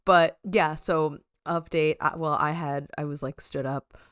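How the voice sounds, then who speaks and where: A young woman co-hosts a podcast, chatting casually and rambling with plenty of fillers and giggles. She has a low, steady voice with a fairly bright tone and a measured pace. The recording is clean studio sound with no room sound.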